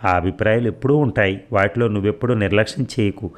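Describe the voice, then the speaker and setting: A man's voice: fairly low pitch, fast talker, close to an everyday voice. A man playing an anxious young husband who earnestly coaxes and reassures his sick wife. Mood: pleading.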